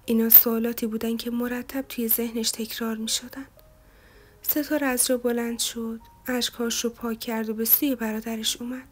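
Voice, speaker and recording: A woman narrating a romance novel in a soft, hushed, even reading voice. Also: a little high, faint music behind. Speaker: audiobook narrator.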